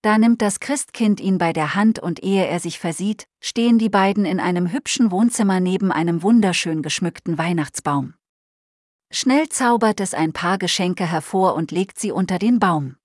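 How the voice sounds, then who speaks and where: A woman narrating a Christmas storybook in a calm, measured way. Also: lowish voice, no echo, studio quality.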